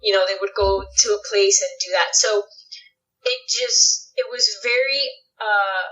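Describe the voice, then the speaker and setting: A woman with a bright, forceful voice talks as an interview guest. She tells personal stories in a reflective way, full of "like" and "uh". The sound is a bit dull and lo-fi. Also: medium pitch, measured pace. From United States. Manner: reflective, storytelling with many fillers. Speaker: guest actress. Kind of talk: casual interview conversation. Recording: dull lo-fi podcast audio.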